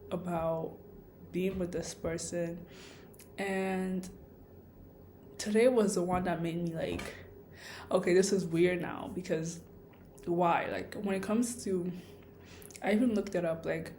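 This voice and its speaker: A woman's voice: fairly low pitch, warm tone, a little hiss or hum. A woman vlogging a personal story in a casual, rambling, reflective way, with a lisp from wearing retainer-like aligners. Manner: rambling, reflective, self-questioning.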